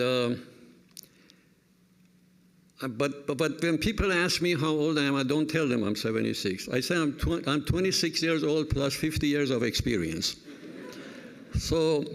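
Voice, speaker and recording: Man in his seventies, very gravelly voice, reflective speech with light jokes. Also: mid-range voice. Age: 70s. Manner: reflective, anecdotal, warm humor. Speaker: retired-age professor giving a speech. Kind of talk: personal speech at an event.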